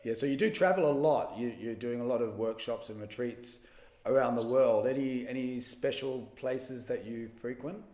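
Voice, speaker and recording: A man hosting an interview, his voice carrying a noticeable echo of the room. He asks questions with repeated false starts and backs his guest with short murmurs. Middle pitch, easygoing. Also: moderate pace, mellow. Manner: encouraging, lots of short backchannels, stammering restarts. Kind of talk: casual interview chat. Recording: echoey room.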